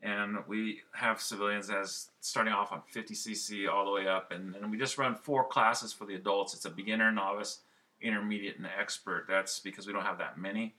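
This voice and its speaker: A man in his fifties co-hosting a casual podcast, rambling and getting loud when he is excited. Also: on the low side, a little fast. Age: 50s. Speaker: podcast co-host and race organizer.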